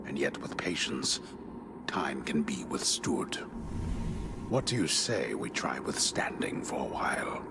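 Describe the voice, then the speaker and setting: An actor playing an ancient, menacing male god of time, speaking in a slow, whispery voice in a video game. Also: very deep voice, sing-song, vocal fry, very noisy, full character voice.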